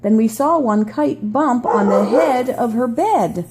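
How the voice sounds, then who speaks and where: An older woman, a sweet, gentle grandmother reading a children's story aloud with chatty asides for a small child. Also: on the high side, lively intonation, a little slow, very noisy.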